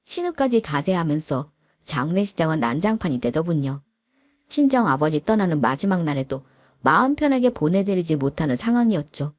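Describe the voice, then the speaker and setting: A woman's voice: sits low, big pitch swings, fairly quick, no room sound, studio quality. A woman narrating her own dramatized first-person story in a bitter, aggrieved tone.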